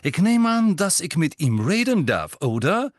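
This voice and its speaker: A man's voice: medium pitch, sing-song, a little slow, no echo, pitched above the performer's own voice. A man voicing a sly, gossipy middle-aged female tabloid reporter with a wheedling, insinuating manner, in a dry close recording. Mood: scheming. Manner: wheedling, insinuating, mock-sweet.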